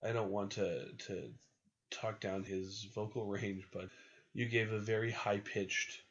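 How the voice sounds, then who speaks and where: Man, lowish voice, hedging casual talk, muffled lo-fi audio. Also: fairly even intonation, measured pace, fairly bright tone. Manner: hedging, self-correcting. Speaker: podcast co-host. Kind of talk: casual chat. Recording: dull lo-fi recording.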